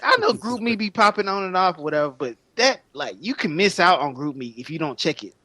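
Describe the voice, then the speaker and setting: A man co-hosting a casual sports talk show, excitable and hyped as he gives shout-outs. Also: sits high, normal speed, dry recording. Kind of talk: casual chat.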